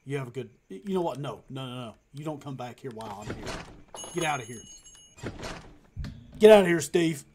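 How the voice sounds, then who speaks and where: A man's voice: mid-range voice, animated, fast, a little hiss or hum. Jumpy man narrating a scary game. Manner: jumpy, chatty, teasing game characters, swears. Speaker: gaming streamer. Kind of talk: let's play commentary.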